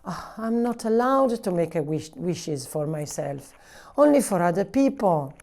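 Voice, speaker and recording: A small male genie from a picture book, tired and exasperated, sighing through his complaints, put on by a woman reading aloud. His voice swings widely in pitch and moves at an unhurried pace. A faint grit runs under his words. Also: lively intonation, a little mellow.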